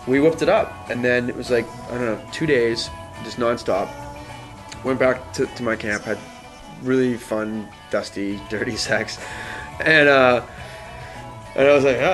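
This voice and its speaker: A man with a somewhat low voice tells a loose, rambling personal story. He stops and restarts often and leans on fillers as he talks. Music plays clearly in the background. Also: poor audio. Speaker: interview guest. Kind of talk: casual storytelling.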